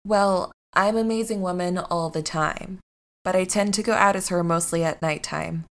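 An actress playing a patient, earnest young superhero bride in an audio drama. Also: female voice, lowish voice, moderate pace, natural voice.

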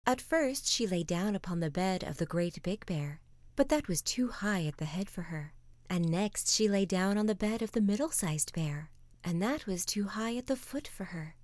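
A woman reading a fairy tale as a soft bedtime story, often slipping into a whisper. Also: medium pitch, dry recording.

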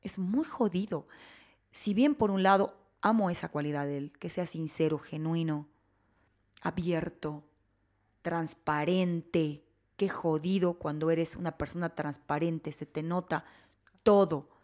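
A woman's voice: deep voice, measured pace, darkish tone. A woman, hosting a casual chat in a reflective, confiding way. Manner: reflective, confiding, says "pará" and "vos".

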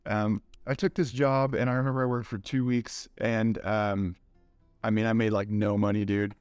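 Faint music sits behind a lowish, level, smooth voice that's a little mellow, recorded dry at a moderate pace. The speaker, a middle-aged man, is casually telling interview stories about working in cannabis, in a relaxed stoner manner full of slang and cursing.

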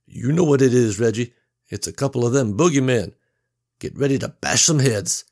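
A man voicing a big, brash male plant worker who talks in a gruff, folksy way. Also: medium pitch, lively intonation, moderate pace, a little mellow. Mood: tough.

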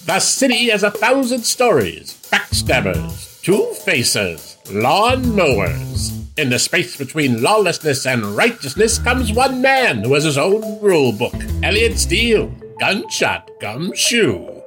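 Man as a slow melodramatic detective-serial announcer. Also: high voice, wildly swooping pitch, over music, heavily acted. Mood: dramatic. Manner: melodramatic, weighty pauses. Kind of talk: dramatic radio play narration, noir parody.

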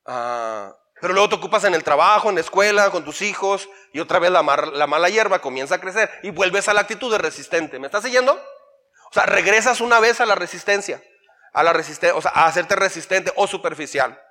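A man with a Mexican accent, a pastor preaching an animated sermon that swings from loud to soft. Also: high-pitched, fairly quick.

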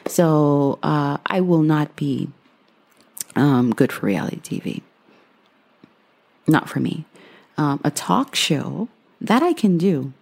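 A woman's voice: low-pitched, very animated, takes it slowly, vocal fry, long pauses, a little mellow, slightly rough. A woman in her thirties from Guyana, answering questions in a casual vlog with a reflective, dry sense of humor. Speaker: vlogger.

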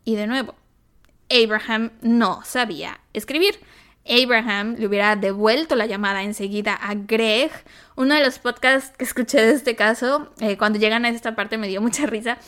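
A woman with a Mexican accent, co-hosting a podcast and retelling a true-crime case in a chatty, animated way with asides. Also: fairly high pitch, normal speed. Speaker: podcast co-host. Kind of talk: casual true-crime storytelling.

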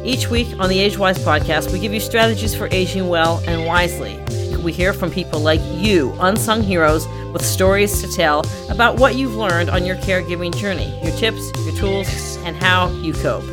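A woman hosting a podcast, reading a scripted introduction and then interviewing her guest with soft acknowledgements. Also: fairly low pitch, normal speed, music in the background. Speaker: podcast host.

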